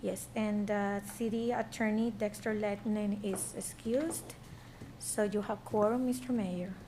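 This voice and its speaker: A woman's voice: medium pitch, fairly even intonation, a little slow, dark tone. A woman speaking as a city clerk, formally reading out meeting business over a meeting room microphone. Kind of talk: formal reading of roll call and agenda. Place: indoor public meeting room. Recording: meeting room mic with clear background noise.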